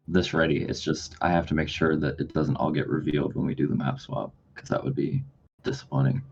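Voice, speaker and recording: Deep gravelly game master. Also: male voice. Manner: rambling, self-deprecating. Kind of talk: casual chat on a livestream. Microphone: webcam setup at home. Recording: dull lo-fi mic with faint noise.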